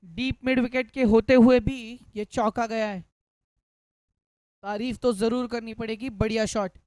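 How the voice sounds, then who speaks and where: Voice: mid-range voice, fairly even intonation, unhurried, darkish tone, smooth, no echo. A Hindi cricket commentator calling play ball by ball, mixing in English cricket terms.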